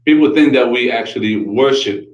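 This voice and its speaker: The radio host speaks at medium pitch and a moderate pace, heard through lo-fi, reverberant sound. He's a Brooklyn-raised man with a New York accent whose casual religious talk show finds him sincerely describing his faith, full of Arabic religious phrases.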